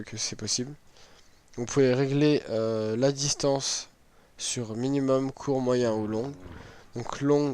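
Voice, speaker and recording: Hoarse, sick man casually presenting a game. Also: mid-range voice, a little mellow. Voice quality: hoarse, worn-out voice. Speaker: gaming video host. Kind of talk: casual game item walkthrough.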